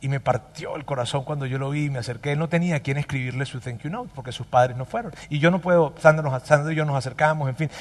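A man preaching a sermon as pastor, emphatic and animated, dropping to a hush and then rising loud again. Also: mid-range voice, long reverb tail.

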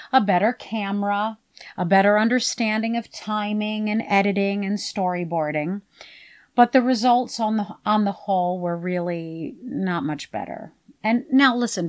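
A woman's voice: medium pitch, a little mellow. A young adult woman hosting a podcast, talking candidly and self-deprecatingly in a reflective solo monologue and laughing at herself. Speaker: podcast host.

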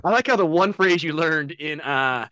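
A man's voice: fairly high pitch, normal speed, bright, forceful tone, no echo. Easygoing male podcast co-host. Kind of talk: casual podcast chat.

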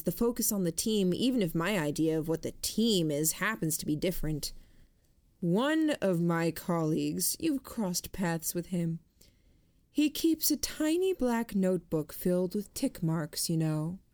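A woman reading an audiobook, voicing a quick-witted young boy who talks glibly to stall for time. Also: fairly low pitch, warm tone, no room sound. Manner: glib, probing.

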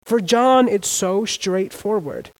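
A man preaching a sermon as pastor, emphatic and casual, with sudden loud rises and everyday slang. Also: sits high, lively intonation, slow, rough recording.

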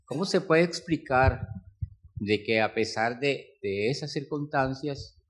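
A man's voice: mid-range voice, expressive, slow pace. A man in the audience asking a long question, hesitant and searching for words. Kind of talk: question from the floor.

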